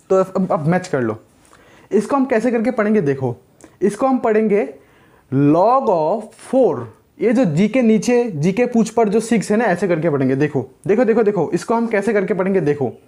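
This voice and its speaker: A man's voice: sits high, a little mellow. Young guy tutor, chatty big bro vibe, keeps repeating stuff, walks off mic sometimes. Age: young adult. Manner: chatty big-brother tone, repeats words to drill. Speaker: physics tutor. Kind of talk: casual whiteboard lesson.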